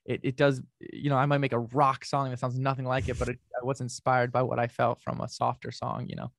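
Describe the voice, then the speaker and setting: Speaking in a monotone with vocal fry, the same young North American interviewee talks a little fast and loosely about his music, full of "likes" and restarts. His pitch sits at an ordinary middle level, and the sound is close and dry, without room noise.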